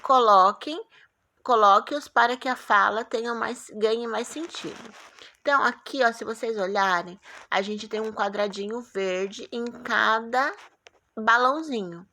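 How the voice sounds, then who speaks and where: Woman, Brazilian Portuguese accent, primary teacher, recorded lesson, bright, gravelly, patient, coaxing. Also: a little high, a little slow, slight background noise. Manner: patient, coaxing, checks in with "tá bom?" often.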